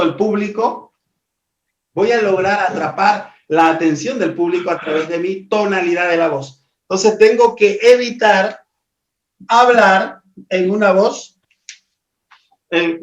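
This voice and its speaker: A man's voice: sits high, slow pace. A man teaching a live webinar on presentation skills, in a didactic manner full of rhetorical questions. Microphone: video call. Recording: echoey, distant, dull audio.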